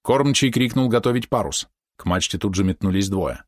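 Low-voiced male audiobook narrator. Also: no echo, studio quality. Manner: steady, measured storytelling. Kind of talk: scripted narration.

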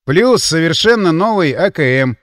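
A man voicing a hard-nosed mercenary who bargains in a blunt, forceful way. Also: fairly high pitch, animated, moderate pace, no room sound, clean studio sound, lightly acted. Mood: bargaining.

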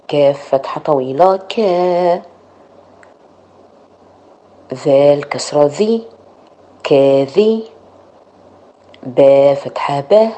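Female Quran reading teacher with an Egyptian Arabic accent, very slow, mellow delivery, spells each word out sound by sound. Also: low-pitched. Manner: spells words letter by letter, then blends them. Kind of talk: slow spelled-out recitation lesson.

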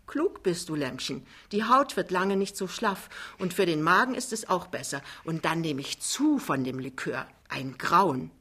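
A woman's voice: fairly low pitch, sing-song, unhurried, hardly any pauses, pushed and bright, breathy edge, full character voice. A woman playing a brash, boastful older mother. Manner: triumphant, theatrical, airy. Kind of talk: audiobook reading.

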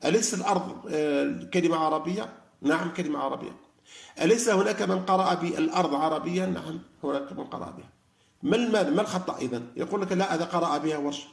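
A man giving a religious lecture, animated and arguing through rhetorical questions. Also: fairly high pitch, quick pace, gravelly, reverberant. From Algeria. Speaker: lecturer on Quran study.

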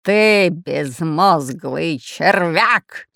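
A woman's voice: sits low, fairly quick, no echo, clean studio sound, voice pushed down. A woman reading a storybook aloud and voicing an angry, red-bearded pirate captain who snarls and scolds. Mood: furious. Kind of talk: audiobook character voice.

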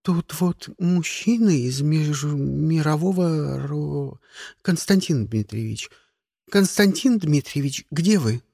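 A man reading an audiobook, voicing a young, flustered female schoolteacher who asks anxious, quick questions. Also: on the high side, lively intonation, gravelly, a little mellow, no room sound, clean studio sound, full character voice.

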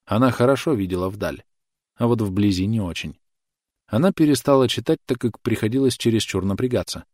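A man narrating an audiobook in a measured, expressive way. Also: fairly low pitch, no echo, clean studio sound.

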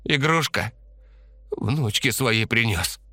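A man's voice: mid-range voice, slow pace, bright, forceful tone, no echo, faint music behind, pitched above the performer's own voice. A man voicing a frightened elderly man who pleads and calls for help in an audiobook. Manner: panicky, pleading.

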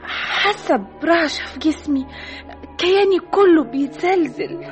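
Shaky scared mannequin girl come alive, very high thin voice, radio play. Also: moderate pace, faint music behind. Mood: frightened. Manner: trembling, fearful, breathless. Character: shop mannequin come alive, frightened young woman. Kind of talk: 1960s Egyptian radio drama acting.

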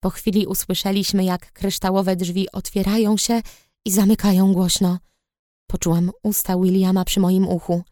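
A woman reading a novel aloud in the first person with steady storytelling. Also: mid-range voice, normal speed, no echo, clean studio sound. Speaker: audiobook narrator. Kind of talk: first-person audiobook narration.

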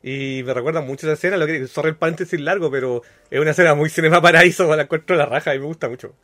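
A man's voice: fairly high pitch, racing, bright, forceful tone. A man with a Chilean accent co-hosting a podcast, chatting casually and rambling with slangy asides and restarts. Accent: Chilean Spanish. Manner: rambling, self-interrupting, slangy. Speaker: podcast co-host. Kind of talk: casual chat.

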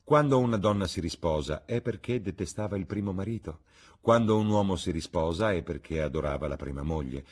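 A man voicing a witty, cynical aristocratic gentleman who drawls ironic remarks. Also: low voice, expressive, a little fast, voice pushed up.

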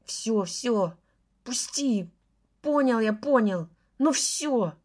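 A woman's voice: on the high side, expressive, very slow, a little mellow, exaggerated voice. A woman reading an audiobook, voicing a cowardly young man who whines and complains nasally. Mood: pleading. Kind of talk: audiobook dialogue.

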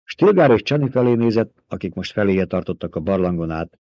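A man calmly reading a novel aloud as narrator. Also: sits low, no room sound. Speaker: audiobook narrator. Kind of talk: scripted narration. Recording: dull, dry recording.

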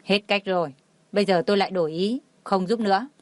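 A woman's voice: medium pitch, fast talker, no room sound, lightly acted. A woman reading the lines of a cold, haughty rich older woman in a storybook, curt and dismissive.

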